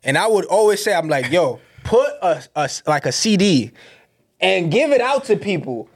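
Guy hyping stuff up like a frat bro, slangy, kinda high voice. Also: very animated, moderate pace. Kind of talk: casual chat.

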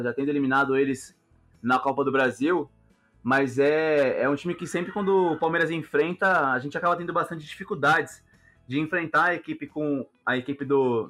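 A man's voice: fairly high pitch, a bit bright. A Brazilian man co-hosting a football podcast in casual, slangy chat.

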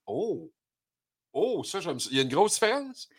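A man's voice: high voice, very animated, normal speed, slight background noise. A man with a Quebec French accent hosting a morning radio show, jovial and chatty, laughing easily. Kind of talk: casual radio chat.

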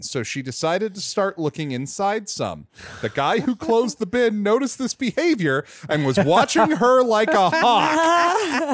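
A man co-hosting a comedy podcast, reading a listener's story aloud and shouting the quoted lines. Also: sits high, dry recording.

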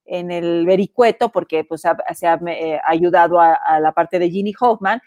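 Mexican woman co-host, lively storyteller who acts out dialogue, dry close sound. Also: fairly low pitch, normal speed, dry recording, muffled recording. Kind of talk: casual gossip chat.

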